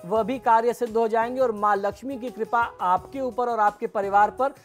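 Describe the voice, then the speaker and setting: A middle-aged man, an astrologer guest on a TV program, explaining devotional mantras in a measured way and chanting them slowly. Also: very high voice, steady tone, faint music behind.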